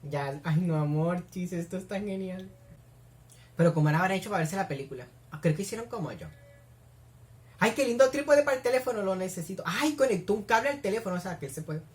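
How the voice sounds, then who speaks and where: A woman's voice: lowish voice, animated, a little fast, a little mellow. A young woman with a Colombian accent doing casual reaction commentary at home, gushing and squealing as she watches. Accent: Colombian Spanish. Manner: effusive, squeals and gushes. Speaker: reaction video host. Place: home room.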